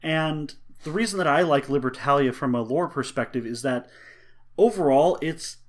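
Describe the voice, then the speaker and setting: A man's voice: a little high, moderate pace. A man co-hosting a casual board game discussion, talking through games with enthusiasm. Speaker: co-host.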